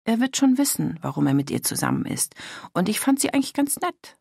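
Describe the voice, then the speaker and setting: Woman doing a gentle, skeptical grown-up daughter. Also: on the high side, very animated, brisk, gravelly, breathy edge, no echo, studio quality, pitched above the performer's own voice, heavily acted. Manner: soft, incredulous questioning.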